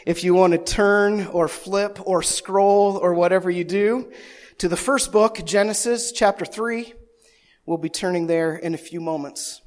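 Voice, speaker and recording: A man with a notably high voice leads a church service as its pastor. He prays softly and then preaches with energy, leaning hard on key words. He drops in playful jokes at his own expense. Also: a little slow. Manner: lively preaching, swinging between soft prayer and loud emphasis; playful asides and self-teasing humor. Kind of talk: sermon.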